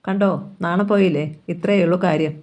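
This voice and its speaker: Bossy teasing aunt, read by a man; high, fairly flat voice. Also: brisk, dull audio, lightly acted. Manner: teasing, coaxing. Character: playful bossy aunt, adult woman.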